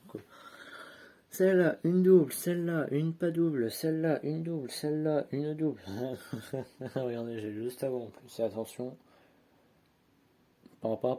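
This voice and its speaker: Here a vlogger's warm, mid-range voice carries a casual unboxing chat as he opens sticker packs at home. He talks to viewers in a rambling way, naming and sorting each card with self-deprecating asides. He films on a handheld phone, no tripod.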